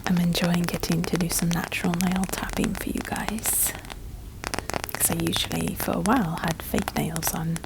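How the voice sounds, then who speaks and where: A woman softly whispering casual, unhurried ASMR chat close to the microphone while tapping on objects with her fingers. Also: lowish voice, fairly even intonation, gravelly. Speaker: ASMR video host. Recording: clicking, tapping noise over the whisper. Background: loud finger tapping and clicks.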